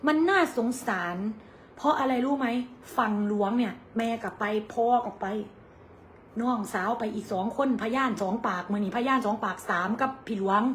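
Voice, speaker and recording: A woman's voice: fairly high pitch, a little hiss or hum. A young woman with an Isan Thai accent, bluntly scolding her rivals on a livestream in crude, angry words.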